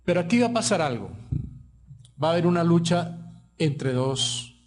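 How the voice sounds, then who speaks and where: A man's voice: fairly high pitch, normal speed. A Colombian man with a Colombian Spanish accent, preaching a sermon as pastor and telling stories with questions to the congregation. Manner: lively storytelling preacher, asks the congregation questions.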